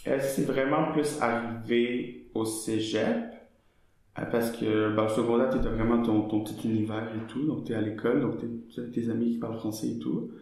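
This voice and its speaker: Man, twenties, Québécois French accent, hesitant, lots of fillers, medium pitch, heavy room echo. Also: steady tone, moderate pace, creaky, darkish tone. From Montreal, Quebec. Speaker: guest. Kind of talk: casual conversation. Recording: very echoey room.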